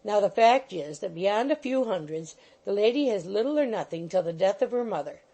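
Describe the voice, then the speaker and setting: Over poor audio, a woman with a dark, medium-pitched voice delivers a brisk, animated performance as a bustling, fussy little lawyer. The character coaxes in a wheedling way, calling out "my dear sir" again and again.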